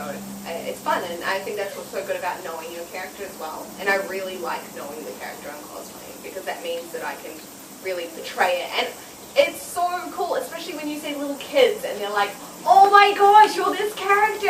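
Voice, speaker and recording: A woman's voice: on the low side, lively intonation, fast. A young woman with a New Zealand accent, chatting as a cosplayer guest in an interview, bubbly and laughing often. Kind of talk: casual interview chat. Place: outdoor public gardens. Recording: roomy, distant outdoor mic with noise.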